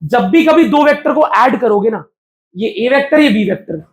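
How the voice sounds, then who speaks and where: A man's voice: extremely high pitch, lively intonation, moderate pace. A man teaching a physics class live to students, talking casually and often throwing questions at the class. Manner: chatty, keeps quizzing the class.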